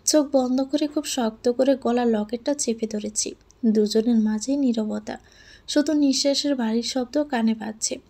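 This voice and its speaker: A woman reads a romantic audio story in the first person. Her voice is mellow and sits fairly high. She keeps a steady, expressive storytelling pace. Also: vocal fry.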